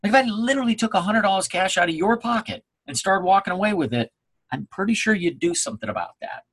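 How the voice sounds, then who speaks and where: Husky man coaching with emphatic check-ins. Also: high voice, expressive, fast talker, a bit bright. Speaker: sales trainer. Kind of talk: recorded training presentation.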